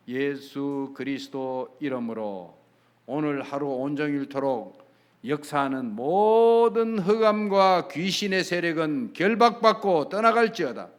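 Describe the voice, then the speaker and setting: A middle-aged man with a Gyeongsang Korean accent, a pastor preaching a sermon, emphatic and swinging between soft and loud, acting out bits of dialogue. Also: on the high side.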